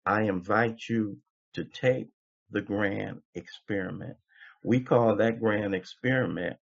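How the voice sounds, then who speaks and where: A man's voice: low-pitched, vocal fry. A man in his seventies giving an impassioned, preacher-like testimony at a recovery meeting, repeating phrases for emphasis. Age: 70s. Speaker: guest speaker at a recovery meeting. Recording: dull lo-fi recording.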